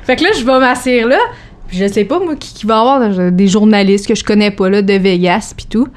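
A woman with a Québécois accent, a boxer guest telling lively anecdotes in a casual chat. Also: mid-range voice, fairly quick, slight background noise. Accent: Québécois French. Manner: animated anecdote teller, acts out quotes.

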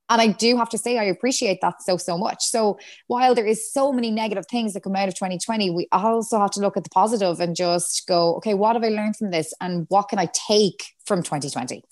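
A woman from Galway with a west of Ireland accent, chatting casually and expressively, acting out little quotes as she tells stories. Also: mid-range voice. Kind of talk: casual chat.

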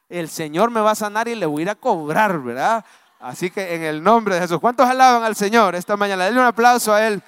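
High, clear-voiced Salvadoran preacher. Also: male voice, dry recording, studio quality. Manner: swings from loud exhortation to soft, low asides. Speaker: pastor. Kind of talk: live sermon. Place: church sanctuary.

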